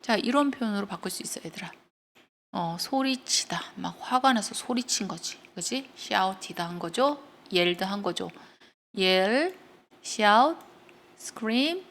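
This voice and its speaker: A woman teacher walks students through English grammar, explaining each point patiently and asking whether they follow. Her pitch sits right in the middle for a woman, and she breaks up the grammar with lively storytelling. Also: slow pace, slight background noise. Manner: explains step by step, checks in with students.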